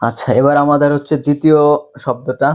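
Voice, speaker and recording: A man's voice: on the high side, fairly even intonation, quick pace, darkish tone. A man teaching English vocabulary, patiently repeating each word several times for students to copy. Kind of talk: slow vocabulary lesson, repeat-after-me drills.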